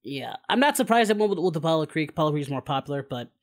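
A man with a slightly high, very animated voice talks quickly, parodying an anime martial-arts hero. In easygoing, confident improvised in-character gaming banter, he comes across as cocky, playful and flirty.

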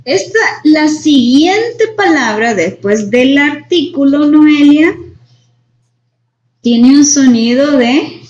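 A woman's voice: high voice, expressive, slow, a little mellow. A woman teaching English grammar in a class, patient and repeating each point with "right?". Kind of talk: online class explanation. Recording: roomy, dull sound with faint noise.

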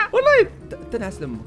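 Moroccan male streamer, high and animated, laughs through everything. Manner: laughs a lot, excitable, yelling. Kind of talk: role-play gaming commentary.

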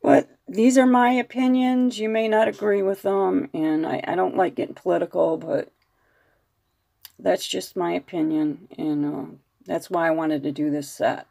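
A woman's voice: on the low side, steady tone, normal speed, gravelly, dark tone. A woman nail art vlogger who is losing her voice, talking frankly and rambling with opinions and some mild swearing. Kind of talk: casual talk to camera.

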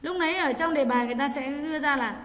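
A woman's voice: sits high, very fast, long reverb tail, a crowd in the background. A woman teaching a class, firmly questioning students and correcting their answers. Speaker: English teacher.

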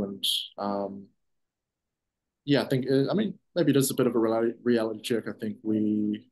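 This defender, in his thirties, has a lowish and slightly mellow voice, captured on a rough recording. He fields postgame press questions by video call before a sponsor backdrop, stumbling through restarts and fillers.

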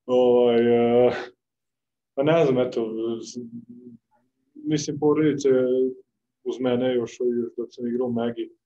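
A young male basketball player answering postgame press questions calmly, searching for words, in a press room. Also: unhurried, muffled recording. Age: young adult. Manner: calm, low-key, searching for words. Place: press room before a sponsor backdrop.

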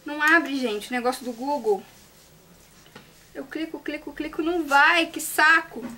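A young woman from Brazil vlogging casually, nervous and excitable, her voice trembling as she exclaims often. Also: high voice, a little slow, slight background noise. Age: young adult. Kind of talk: casual vlog reacting to exam results.

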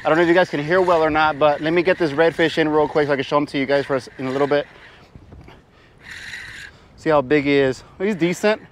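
A man talks casually to his viewers while fishing from a small boat on open bay water, his voice sitting slightly high for a man. He breaks into excited whoops when a fish bites. The action-camera audio carries strong wind and water noise. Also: quick pace, long pauses. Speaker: fishing vlogger. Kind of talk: casual fishing vlog narration. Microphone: action camera worn on the body.

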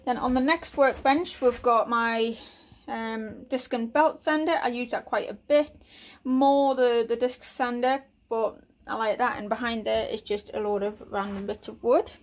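A woodworking vlogger from the UK, speaking on the high side at a measured pace, gives a laid-back tour of her small shed workshop. She films on a handheld phone and names her tools one by one, leaning on plenty of fillers.

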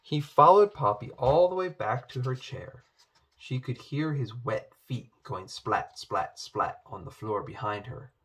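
Slow, expressive male storybook reader. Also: mid-range voice, slightly rough. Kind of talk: children's storybook read-aloud.

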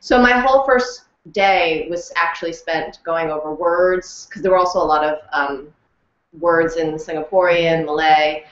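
A woman actor and audiobook narrator telling a story in a casual, animated chat, laughing often. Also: deep voice, unhurried. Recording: roomy, dull lo-fi sound.

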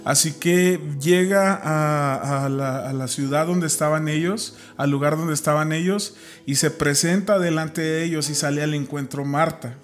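A man's voice: on the high side, steady tone, unhurried, hardly any pauses. A man casually discussing a Bible story, retelling scripture with many fillers and restarts.

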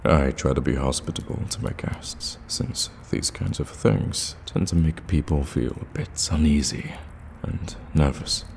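In full character voice, a man portrays a suave evil warlock for ASMR, speaking right to the listener in an extremely low, gravelly tone. Slow and intimate, he is welcoming and suave, offering measured, teasing flattery with soft-spoken courtesy as though tempting a customer into a deal. A long, cavernous reverb and background ambience fill the recording.

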